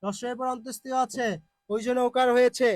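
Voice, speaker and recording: A man's voice: extremely high pitch, little pitch movement, fast talker, dry recording. A man who is unwell teaches Bengali spelling and pronunciation in a live online class, reading out viewer comments and patiently repeating words to drill them.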